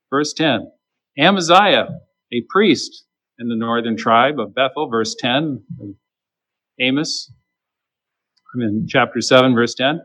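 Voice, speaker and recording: A man's voice: medium pitch, takes it slowly, pauses often, a bit bright, rough recording. A man preaching a sermon, emphatic and acting out the voices of the people he quotes. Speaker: pastor.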